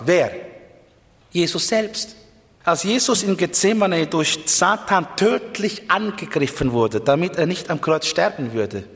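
Male preacher, fairly high voice, emphatic sermon, asks rhetorical questions, long reverb of a hall. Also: fairly bright tone. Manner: emphatic, rhetorical questions, big swings in pitch.

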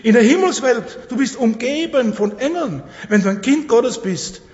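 A man's voice: extremely high pitch, animated, normal speed, darkish tone, big-room sound, muffled recording. A middle-aged man preaching a sermon in a church. He talks emphatically and keeps asking the congregation questions.

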